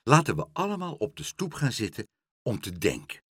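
A man voicing a calm, sensible family father who speaks steadily, in a read-aloud children's story. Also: medium pitch, normal speed, slightly rough, no room sound, studio quality, exaggerated voice.

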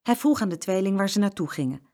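Lively woman reading a children's story. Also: medium pitch, fast.

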